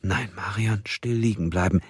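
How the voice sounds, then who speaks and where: A man's voice: on the low side, moderate pace, husky, no echo, voice pushed up. A bound woman detective who holds her fear down behind a pressed, strained voice, as a male reader puts her on. It sounds dry and close. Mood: tense. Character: frightened bound young woman detective, tense.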